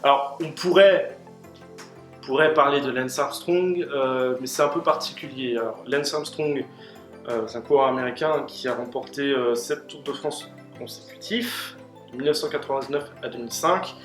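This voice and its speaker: A man's voice: mid-range voice, normal speed, a bit bright. A man hosting a question-and-answer video, explaining at length with many fillers and restarts. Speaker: host answering questions on cycling. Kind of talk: casual explanatory Q&A. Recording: roomy room with faint music.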